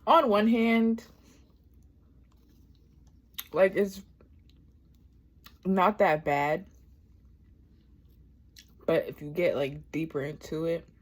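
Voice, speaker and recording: A woman's voice: on the low side, steady tone, drawn-out words, pauses often. An American woman in her twenties telling a casual, rambling, sweary complaint while eating, talking with her mouth full. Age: 20s. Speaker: vlogger.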